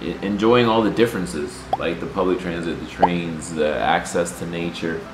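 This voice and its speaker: A man's voice: low voice, normal speed, noisy background. A man in his thirties from Puerto Rico who was raised in the southern US, an entrepreneur talking casually as an interview guest in a loose, rambling way that is sprinkled with swearing. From Puerto Rico, raised in the US Gulf South. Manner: laid-back, profane, loose and rambling. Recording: roomy sound with background music.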